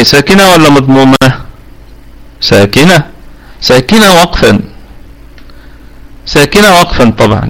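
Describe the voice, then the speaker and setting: A man's voice: on the high side, a bit bright, low-quality recording. A man with an Egyptian accent teaching Quran recitation rules in a live online lesson, patiently asking students questions and repeating sounds to demonstrate them. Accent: Egyptian Arabic. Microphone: computer mic for online voice chat.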